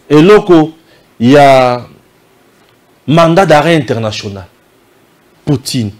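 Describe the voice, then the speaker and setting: An indignant Congolese man with a fairly high voice and a Kinshasa accent. He delivers passionate political commentary, presses hard with rhetorical questions and slips into Lingala. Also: darkish tone. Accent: Congolese French, Kinshasa.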